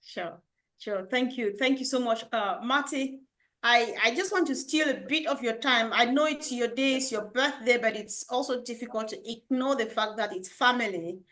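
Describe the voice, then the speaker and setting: A woman's voice: fairly high pitch, normal speed, bright, forceful tone. A woman hosting a webinar on a video call, earnestly giving thanks and repeating herself. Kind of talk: heartfelt thanks.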